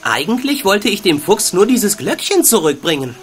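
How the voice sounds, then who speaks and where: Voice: mid-range voice, big pitch swings, normal speed, slight background noise, natural voice. An actor playing an earnest, curious young boy adventurer who muses aloud in an adventure game. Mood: hesitant. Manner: musing, wondering. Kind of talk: adventure game narration of own thoughts.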